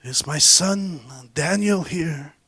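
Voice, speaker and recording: A man voicing a frail, strong-willed old man on his deathbed, speaking in a weak, hushed, breathy voice. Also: a little high, lively intonation, normal speed, dry recording.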